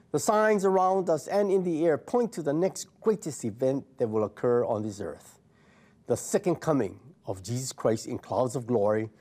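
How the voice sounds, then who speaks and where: A man preaching a scripted sermon as head pastor in a measured, formal way. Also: mid-range voice, mellow.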